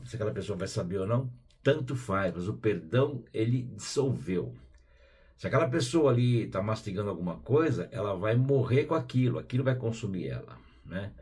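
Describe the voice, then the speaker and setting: A man with a Brazilian Portuguese accent hosting a spiritual program, talking in a relaxed, conversational way with frequent tag questions and quiet asides. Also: fairly low pitch, fairly quick, husky. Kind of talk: casual spiritual talk.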